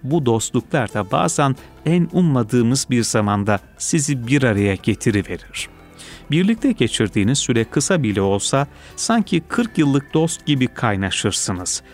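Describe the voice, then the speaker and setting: Calm man reading reflectively over soft music. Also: mid-range voice, unhurried. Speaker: reader. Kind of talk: reading a personal essay aloud. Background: faint music.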